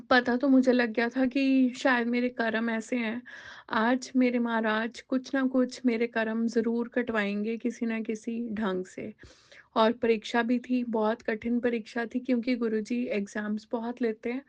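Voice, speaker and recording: A woman's voice: fairly high pitch, level tone, measured pace, dull audio. A woman telling a personal devotional testimony in a conversational way, slipping English words into her talk with many fillers.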